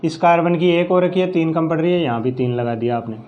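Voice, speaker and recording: This science teacher talks fast in a slightly high voice with a darkish tone, and his Rajasthani Hindi accent comes through as he teaches chemistry. He breaks down every step, counts aloud and answers the questions he asks. The recording has a lo-fi quality.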